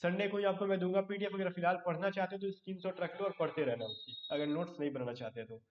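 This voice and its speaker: A man's voice: sits high, quick pace. A man teaching an online English grammar class, asking his students question after question and adding joking asides. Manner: explains with repeated questions to students. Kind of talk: online live class lecture. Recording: roomy, distant, dull sound.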